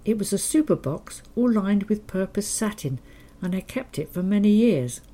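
An older woman, reading her childhood memoir in a gentle, wry manner. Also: mid-range voice, expressive, moderate pace. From England. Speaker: memoir narrator.

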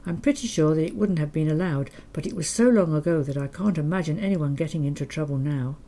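A woman's voice: deep voice, fast. Older woman reading her memoir. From England. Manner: gentle, wry storytelling. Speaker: memoir narrator.

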